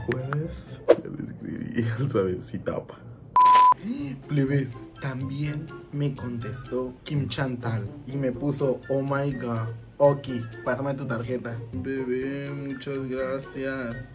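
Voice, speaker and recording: A man with a Mexican accent in a casual vlog, reading chat messages aloud in a playful, giggly, teasing way. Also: mid-range voice. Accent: Mexican Spanish. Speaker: vlogger. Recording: background music under the voice.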